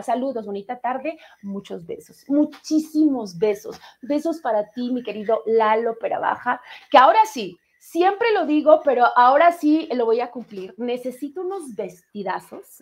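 A middle-aged woman with a Mexican accent, her voice sitting a touch high. She hosts a live radio stream in easy, casual chat, greeting her viewers one by one with plenty of affection. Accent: Mexican Spanish. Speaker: radio show host.

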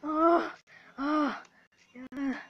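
Excitable high-voiced Egyptian woman gamer. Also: extremely slow, muffled recording, soft background music. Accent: Egyptian Arabic. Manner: excitable, frequent exclamations and prayers under pressure. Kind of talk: excited gameplay commentary.

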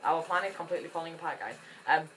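Low-voiced woman, chatty gamer. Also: very fast, slight background noise. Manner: chatty and excitable, rambling with frequent restarts. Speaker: gaming channel host. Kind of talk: casual gameplay commentary.

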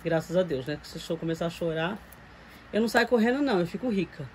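A Brazilian woman with a fairly low voice talks casually to her viewers, doting and chatty. She coos at the doll she is holding. A faint hiss sits under her voice. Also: animated, quick pace, rough recording. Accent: Brazilian Portuguese. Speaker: reborn doll collector vlogger. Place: home room with doll shelves.

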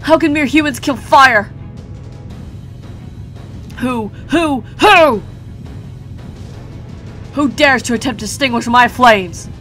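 A woman's voice: high-pitched, slow, long pauses, fairly bright tone, faint music behind, voice pushed up. A woman voicing a raging, defiant fire giant king from a game, in a bellowing, theatrical villain manner. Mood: furious, disbelieving. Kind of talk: game dialogue read aloud in character.

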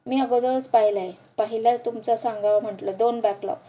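Young male student, easygoing joker, read by a woman, warm dark tone. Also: on the high side, steady tone, brisk, natural voice. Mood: joking. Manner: casual, joking.

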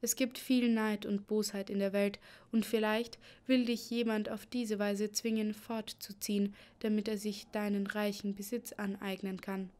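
A woman's voice: mid-range voice, little pitch movement, moderate pace, few pauses, a little mellow, natural voice. A woman voicing a clever, loyal lady's maid who speaks grimly and earnestly. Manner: grim, earnest.

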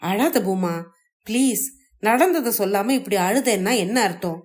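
A woman voicing a smooth-talking, scheming young husband in a read-aloud family story, in a coaxing, falsely gentle manner. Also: mid-range voice, animated, unhurried, close to an everyday voice. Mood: placating.

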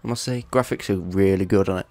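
With a low, mellow voice and fast delivery, a young gaming YouTuber narrates his own gameplay while stuffed up from a cold. His chatter is casual and rambling, with occasional swearing aimed at opponents.

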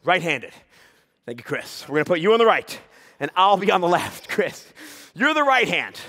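A man's bright, ringing voice bounces all over the place as he teases a volunteer onstage. His banter is playful and quick, breaking into shouts to pump up the audience. It is a live comedy juggling act. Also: high-pitched, very animated. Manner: playful teasing banter, bursts of shouted crowd hype. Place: live stage before an audience.

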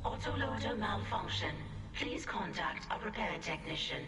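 A woman voicing a calm female ship computer that reads out system status in flat, measured announcements, like a synthetic system announcer. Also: medium pitch. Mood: automated. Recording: echoey, distant, under loud game music.

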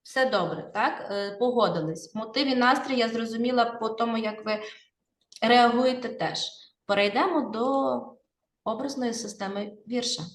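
A woman teacher with a Ukrainian accent walks her pupils through a poem, pausing to check they follow. Her voice sits a little high. It is picked up from a distance in a reverberant classroom. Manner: explanatory, addressing pupils with frequent "так?" checks. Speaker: literature teacher. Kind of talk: classroom poetry analysis lesson. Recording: echoey classroom, from far off.

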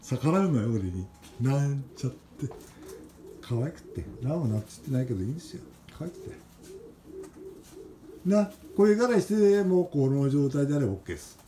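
A man talking casually to the camera about his pet pigeon, switching to rough, coaxing talk when he speaks to the bird. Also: mid-range voice, expressive, brisk, dark tone, slight background noise. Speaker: pigeon keeper.

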